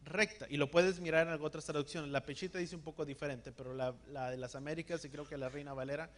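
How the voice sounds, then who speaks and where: A man preaching a sermon, calling on the congregation to repeat words after him and slowing down to stress key words. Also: a little high, fairly even intonation, fairly bright tone. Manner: call-and-response, has the congregation repeat words. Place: church hall.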